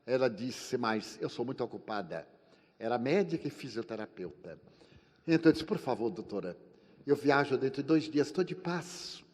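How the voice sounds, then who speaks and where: Older Brazilian man telling a story in a reverberant hall. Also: moderate pace. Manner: animated storyteller, acting out dialogue with shifting pitch and volume. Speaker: spiritist speaker. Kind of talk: storytelling lecture. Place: lecture hall at a congress. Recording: long hall reverb from a live congress.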